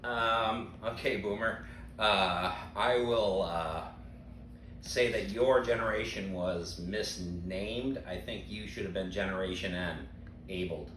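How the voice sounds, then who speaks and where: Older male teacher, deep voice, bone-dry sarcasm, echoey far-off recording with noise. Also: slow. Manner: dry deadpan humor. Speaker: retiring teacher. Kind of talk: deadpan sarcastic interview answers. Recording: roomy sound, mic at a distance, background noise.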